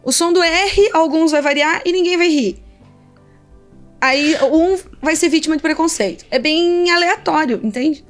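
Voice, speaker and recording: High-pitched woman, chatty professor explaining stuff, demos sounds and laughs. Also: measured pace, soft background music. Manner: animated, laughs often, demonstrates pronunciations. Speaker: linguistics professor guest. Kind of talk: conversational explanation.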